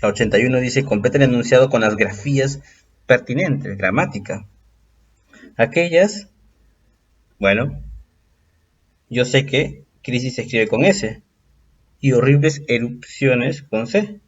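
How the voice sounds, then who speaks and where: A man's voice: medium pitch, animated, a little slow, pauses often, husky. Patient male exam-prep teacher, dull audio. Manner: patient, explains step by step with checking questions. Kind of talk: recorded video lesson.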